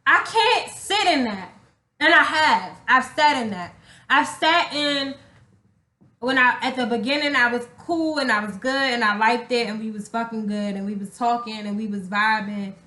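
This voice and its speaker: The young woman co-hosting this podcast has a slightly high, bright, forceful voice and speaks at a moderate pace. Frank and casual, her relationship talk is emphatic, slangy and heavy on swearing, and the recording carries room echo.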